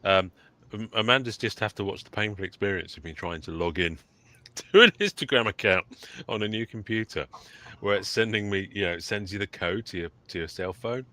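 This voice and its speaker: Chatty and joking on a casual live stream, an English podcast co-host speaks a little fast with a fairly low pitch and a sharp tone. A lingering cold makes him somewhat throaty. There's no room sound in the recording.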